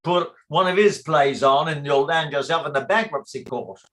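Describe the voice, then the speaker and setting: A man's voice: fairly high pitch, moderate pace, a bit bright, natural voice. A man playing a blunt, argumentative, practical theatre man in a stage play reading, blustering as he talks. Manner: blustering, interrupting.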